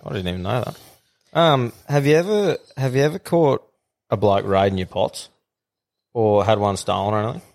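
A man's voice: lowish voice, expressive, moderate pace, gravelly, a little mellow. An Australian man talking like a laid-back tradesman, slangy and sweary, swapping stories in casual banter. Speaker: podcast host.

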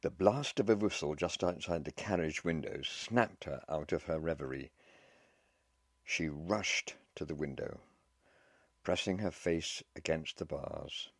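A man narrating a story in a measured, scripted audiobook reading. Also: low voice, no echo, clean studio sound.

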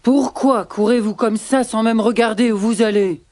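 A woman's voice: on the high side, moderate pace, a little mellow, no room sound, natural voice. A woman voicing a commanding male lion, king of the animals, who questions firmly. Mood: stern.

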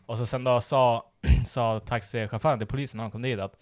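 A young man telling a funny story in casual chat, laughing often and mimicking people in squealing high voices. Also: fairly even intonation, darkish tone, no echo, studio quality.

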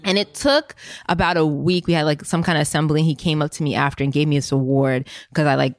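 A woman hosting a podcast, telling a personal story in casual chat, rambling with many fillers and getting animated and emotional. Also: low voice, fast. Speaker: podcast host.

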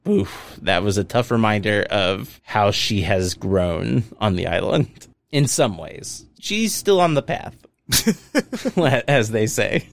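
A man's voice: fairly low pitch, expressive, slow, vocal fry, no echo. A man co-hosting a podcast, chatting casually and animatedly, laughing often and swearing freely. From Middle Eastern heritage. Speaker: podcast co-host. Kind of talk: casual chat.

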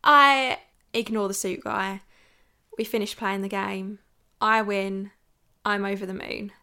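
Young woman, podcast host, casual storytelling, gravelly fry, chatty and animated. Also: mid-range voice, takes it slowly. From England. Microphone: podcast mic.

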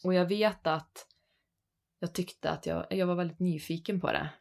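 A Swedish woman in her thirties, co-hosting a podcast and telling a spooky personal story in an animated, chatty way. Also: on the low side, gravelly. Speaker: podcast co-host. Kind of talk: casual storytelling chat.

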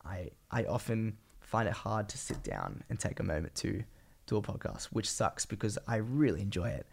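A young Australian man with a croaky, phlegmy, congested voice, sick with a cold, rambling casually and slangily on a solo podcast. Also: on the low side, very animated, normal speed, slight background noise. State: sick with a cold, voice partly gone. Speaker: podcast host and vlogger.

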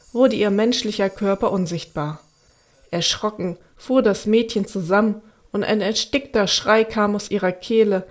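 A woman narrating a children's fantasy audiobook in a calm, gentle, scripted reading style. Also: mid-range voice.

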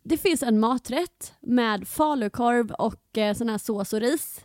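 A young woman from Halmstad with a Halland Swedish accent, co-hosting a casual chat podcast, animated and often laughing. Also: a little high, no echo, studio quality. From Halmstad, Sweden. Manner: animated, laughing, mimics pronunciations. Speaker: podcast co-host.

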